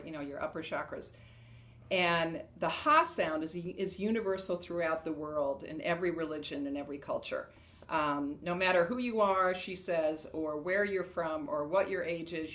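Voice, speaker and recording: Middle-aged woman, casual meditation teacher, lower-pitched, laughs easily, on a camera mic. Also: slight background noise. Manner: chatty, laughs often, loud rhythmic "ha" shouts during exercises. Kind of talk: casual instructional talk to camera.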